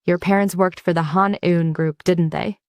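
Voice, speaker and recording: A tiny genius hacker girl, bratty and unimpressed, as a woman acts her out. She speaks flatly and deadpan. The recording is dry and close. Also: on the low side, normal speed, dry recording, close to an everyday voice. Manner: flat, deadpan.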